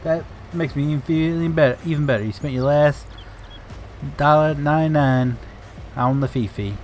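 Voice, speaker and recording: A man's voice: on the high side, normal speed, darkish tone, faint music behind. A man live-streaming a farming game, chatting loosely with viewers, greeting and thanking them and swearing casually, tired and grumpy.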